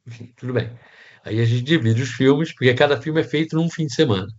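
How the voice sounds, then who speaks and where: A man's voice: mid-range voice, a little fast, dull audio. A man with a Brazilian Portuguese accent teaching set design in a casual online class, rambling with restarts and many tag questions.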